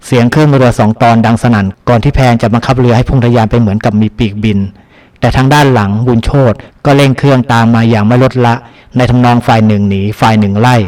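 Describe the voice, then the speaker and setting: A man narrating a novel as an audiobook, with steady, dramatic storytelling. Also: medium pitch.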